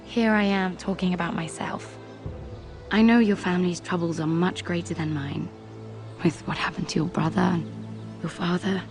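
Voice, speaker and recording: A woman's voice: fairly low pitch, fairly even intonation, moderate pace, over music, lightly acted. A young woman acting an anxious, earnest handmaiden in a medieval fantasy video game, speaking in a hesitant, confiding way. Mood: grateful, gentle. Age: young adult. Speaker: actor voicing a video game character. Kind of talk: dramatic video game dialogue.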